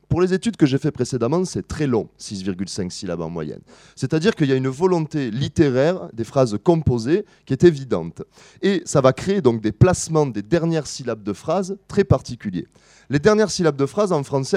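Male academic lecturer, animated pitch, mellow tone, explanatory delivery with fillers and self-corrections. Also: no echo, clean studio sound. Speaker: musicology lecturer. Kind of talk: academic presentation to a live audience.

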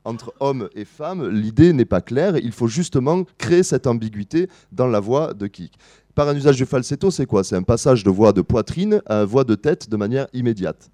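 Male academic lecturer, animated pitch, mellow tone, explanatory delivery with fillers and self-corrections. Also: normal speed, no room sound, clean studio sound. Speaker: musicology lecturer. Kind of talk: academic presentation to a live audience.

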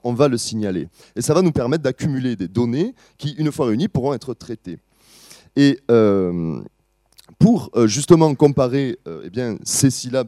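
A man lectures as a musicologist, his pitch rising and falling in a lively way over a warm, mellow tone. He explains step by step, pausing on frequent fillers, recorded dry and close. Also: dry recording. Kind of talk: academic presentation.

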